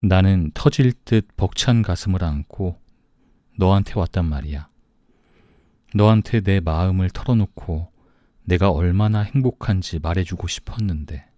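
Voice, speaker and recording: A man voicing a soft-hearted, newly engaged young man in an audiobook, speaking gently and plaintively. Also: sits low, moderate pace, no room sound, studio quality, natural voice.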